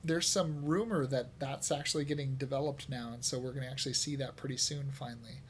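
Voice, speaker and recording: A man's voice: mid-range voice, fairly even intonation, brisk, slight background noise. A man hosting a casual gaming podcast, talking in long rambling stretches with plenty of fillers and laughter. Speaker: podcast host. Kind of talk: casual chat.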